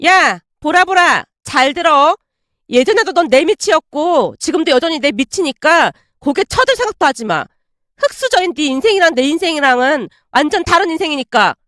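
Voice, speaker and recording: A woman's voice: very high voice, lively intonation, fairly quick, fairly bright tone, no room sound, clean studio sound, voice pushed up. A woman voicing an arrogant, spoiled young woman who mocks and bosses an old classmate in a storybook drama. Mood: sneering. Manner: mocking, condescending, bossy.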